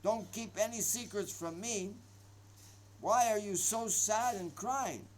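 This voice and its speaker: A man's voice: high-pitched, unhurried, slight background noise, poor audio. A man voicing an anxious, loving middle-aged mother who pleads with trembling urgency. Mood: pleading. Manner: pleading, tremulous, urgent questions.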